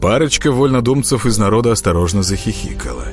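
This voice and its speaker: Expressive male audiobook narrator. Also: on the low side, fast talker. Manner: expressive, storytelling. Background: faint music.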